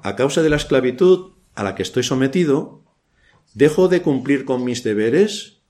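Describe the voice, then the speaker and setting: A man's voice: mid-range voice, lively intonation, normal speed, dark tone. A man from Spain with a Spanish accent preaching a church sermon, asking rhetorical questions and adding dry ironic asides.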